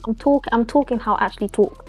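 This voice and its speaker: A woman reading a story aloud to friends, quickly and evenly. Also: fairly high pitch, music in the background.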